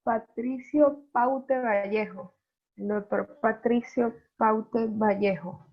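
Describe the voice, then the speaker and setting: A woman assisting on a webinar, reading out raffle names slowly and deliberately. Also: fairly high pitch, steady tone. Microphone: video call. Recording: lo-fi video call audio.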